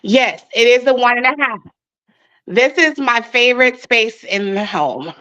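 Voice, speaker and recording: A woman's voice: on the high side, animated, a little slow, bright, forceful tone, highs cut off. A woman real estate agent giving a walking tour of a house, chatty and a little nervous, slightly out of breath. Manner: chatty, nervous, laughs often.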